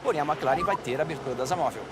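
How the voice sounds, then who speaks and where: A man's voice: a little high, racing. A Brazilian man co-commentating on a motor race, giving live analysis over race track noise. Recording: very loud trackside noise behind voice.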